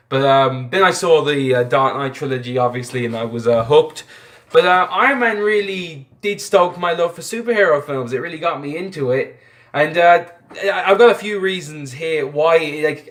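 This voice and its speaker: Chatty young man with a high voice. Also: fairly bright tone. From Ireland. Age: young adult. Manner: chatty, lots of fillers and restarts. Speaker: film vlogger. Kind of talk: casual film retrospective.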